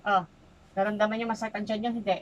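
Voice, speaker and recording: A woman's voice: medium pitch, little pitch movement, fast talker, slight background noise, rough recording. A woman folk healer interrogating a spirit during an exorcism, insistently repeating short questions.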